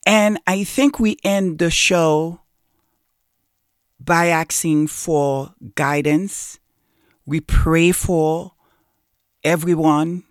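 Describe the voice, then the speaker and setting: Slow, emotional host speaking like a preacher. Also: medium pitch, steady tone, clean tone, no room sound, studio quality. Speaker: show host. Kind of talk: emotional heartfelt monologue.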